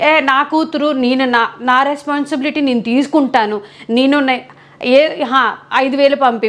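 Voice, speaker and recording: A middle-aged woman with a Vizag Telugu accent, speaking candidly and emphatically as an interview guest. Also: sits high. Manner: emphatic, animated, quotes others in lively voices. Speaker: interview guest, mother of a contestant.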